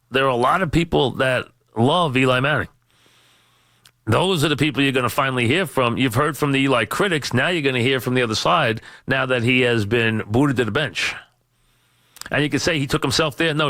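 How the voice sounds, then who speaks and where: A man's voice: mid-range voice, fairly bright tone, no room sound. A man hosting sports talk radio on a studio mic, opinionated and emphatic, often answering his own questions. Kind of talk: radio commentary and taking calls. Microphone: studio radio microphone.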